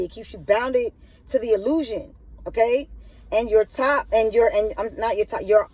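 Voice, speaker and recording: On a rough recording with no room sound, a woman with a high-leaning, darkish voice hosts her channel's spiritual monologue. She stutters and keeps repeating the filler "you know what I'm saying" to her listener.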